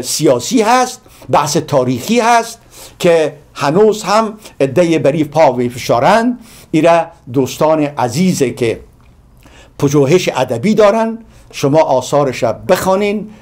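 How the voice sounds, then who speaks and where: Afghan guy, middle-aged, fiery speech, stacks up repeated phrases, voice sits a bit high. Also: darkish tone. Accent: Afghan Dari. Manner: rhetorical, building lists with repeated phrases. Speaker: guest speaker on a community TV program. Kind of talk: impassioned speech.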